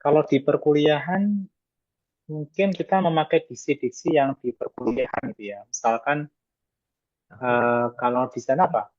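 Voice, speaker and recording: A man's voice: fairly high pitch, moderate pace, a little mellow, dry recording. Man's voice breaking up on a video call. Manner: probing questions, thinking aloud. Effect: choppy breaking-up video call audio. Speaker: mentor giving feedback. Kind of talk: online class feedback. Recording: dull lo-fi video call line.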